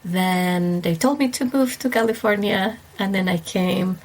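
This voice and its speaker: A woman with an Ecuadorian Spanish accent talks through a podcast interview in a chatty, warm way, her voice a little stuffy from allergies. Spanish is her first language, and she fills her sentences with "um" and soft laughs. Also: medium pitch, a little slow. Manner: warm, chatty, laughs often, many fillers. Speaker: guest, wedding planner.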